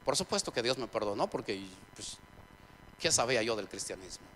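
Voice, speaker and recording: A man preaching a sermon testimony in a church, telling his story dramatically, swinging between loud preaching and quiet narration. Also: mid-range voice, lively intonation, a little fast. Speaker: pastor. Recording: church hall reverb, faint noise.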